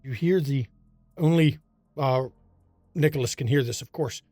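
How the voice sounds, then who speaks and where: A man narrating a tabletop role-playing game as game master, in a descriptive, unhurried storytelling manner. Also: medium pitch, warm tone, no room sound.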